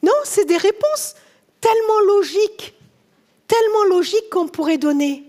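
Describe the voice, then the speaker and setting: A woman pastor preaching a sermon in church, earnest and direct, dropping to soft tender tones and rising when she voices biblical characters. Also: very high-pitched, normal speed.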